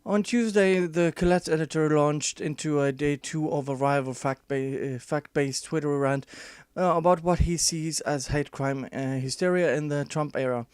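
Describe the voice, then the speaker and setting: A slightly high-pitched man with a clean tone, recorded dry, reads an article aloud while offering casual commentary. English isn't his first language, and his delivery is full of fillers, restarts and dry, sarcastic asides.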